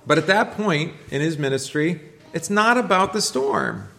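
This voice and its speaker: A man's voice: on the high side, wildly swooping pitch, moderate pace, pushed and bright. Conversational man quizzing a church class. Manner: conversational, quizzes the group with questions. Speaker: pastor teaching a class. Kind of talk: informal church class teaching.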